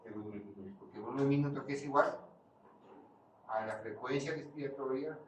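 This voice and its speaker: A man's voice: medium pitch, fairly quick. A man giving a physiology lecture, quizzing the class and answering his own questions. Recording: far-off mic in an echoey room, noisy.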